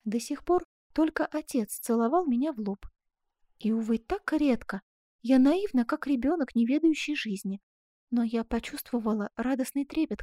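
A woman reading an audiobook, voicing a gentle, earnest young noblewoman in love in a tender, pleading way. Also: a little high, no room sound, clean studio sound, lightly acted. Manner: tender, pleading, sometimes breathless.

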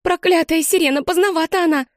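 A woman reading an audiobook and voicing a young girl, a scared schoolfriend who talks in a high, breathless, shaky way. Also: lively intonation, moderate pace, a little mellow, no echo, studio quality. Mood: frightened.

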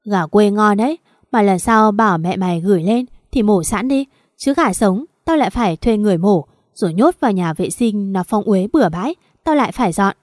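A woman's voice: mid-range voice, lively intonation, brisk, dry recording, studio quality, lightly acted. A woman voicing a harsh, scornful middle-aged mother-in-law who scolds sharply. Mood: scolding.

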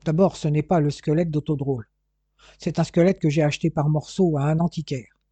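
A man reading an audiobook, voicing a bitter, scornful older male gem dealer who talks sarcastically and forcefully. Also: on the high side, fairly even intonation, a little fast, husky, dry recording.

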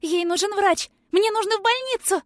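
A woman's voice: very high voice, normal speed, dry recording, studio quality, voice pushed up. A woman voicing a panicked young woman who screams and pleads through tears. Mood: hysterical.

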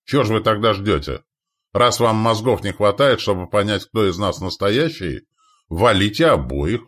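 A smug male warrior commander who taunts his rivals, as a man reads him aloud. His voice is lowish and mocking in a storybook reading. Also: lively intonation, moderate pace, a bit bright.

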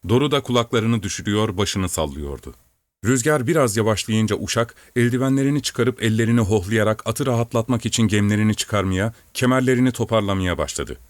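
A man calmly reading a story aloud in measured, steady audiobook narration. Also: lowish voice, no echo.

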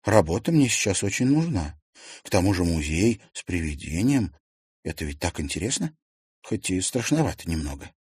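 A man's voice: low-pitched, very animated, normal speed, darkish tone, husky, no echo, clean studio sound, exaggerated voice. A man voicing a puzzled, indignant young woman who exclaims a lot.

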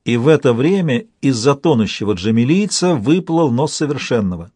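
A man's voice: mid-range voice, lively intonation, moderate pace, mellow, breathy edge, no room sound. Man narrating an audiobook, dry sound. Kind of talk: scripted narration.

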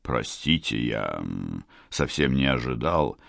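A man voicing a flustered, lovesick army colonel who mutters hesitantly in a low voice. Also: big pitch swings, takes it slowly, creaky, fairly bright tone, dry recording, clean studio sound, exaggerated voice.

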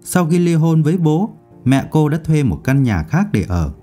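A man narrating a novel audiobook in an expressive, measured reading. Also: fairly high pitch, soft background music.

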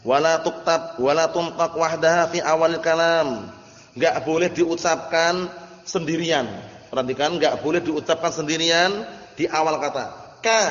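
A man's voice: a little high, fairly bright tone. A male Arabic teacher with an Indonesian accent, running a classroom lesson and drilling his students with repeated questions. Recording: roomy muffled hall recording.

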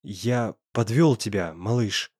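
Narrator playing a brooding young boyfriend, low husky murmur, cold and pained. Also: male voice, expressive, normal speed, darkish tone, no echo, studio quality.

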